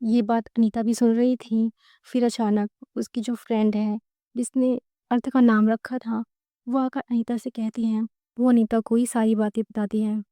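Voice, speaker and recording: A woman storyteller reads an audiobook tale in a plain, steady way. Her voice is fairly high but flat in pitch, with a mellow tone and a dry, close sound. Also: normal speed, dry recording.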